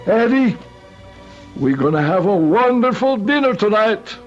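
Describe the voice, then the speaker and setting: In a muffled vintage radio drama recording, a man acts the part of a high-voiced, excitable old shopkeeper, eager and confiding. He is effusive and halting, repeating himself and pleading, with faint music behind him.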